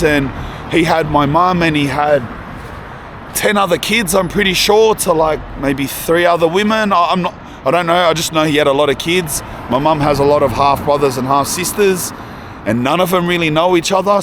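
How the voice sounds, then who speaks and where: A man's voice: on the high side, fairly bright tone, a little hiss or hum. A young Australian man talking casually to the camera in a travel vlog, rambling with lots of fillers and restarts. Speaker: travel vlogger.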